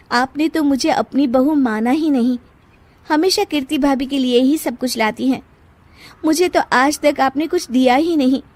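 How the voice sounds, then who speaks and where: A woman voicing a feisty, defiant young newlywed daughter-in-law in a moral cartoon, quick to argue. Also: high-pitched, a little mellow, no echo, pitched above the performer's own voice. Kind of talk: Hindi moral cartoon voice acting.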